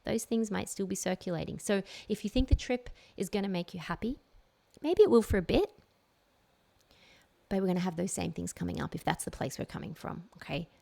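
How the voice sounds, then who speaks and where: A woman hosting a reflective solo podcast, speaking slowly and emphatically and repeating key phrases. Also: medium pitch, lively intonation, creaky, mellow. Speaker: podcast host.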